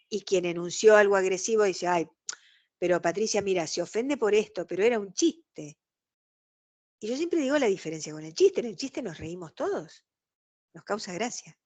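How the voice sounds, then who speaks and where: A woman with a Rioplatense Spanish accent, giving an explanatory online lecture over a video call and acting out quoted exchanges. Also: fairly low pitch. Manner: explanatory, acts out quoted dialogue.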